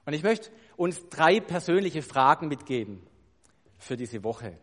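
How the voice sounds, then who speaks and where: A man's voice: fairly high pitch, big pitch swings, measured pace. A man delivers a sermon in a church hall, his slightly raised voice trailing off into a long reverb. He is emphatic, leans hard on key words and poses rhetorical questions to the congregation. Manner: emphatic, building to loud stressed climaxes. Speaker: preacher.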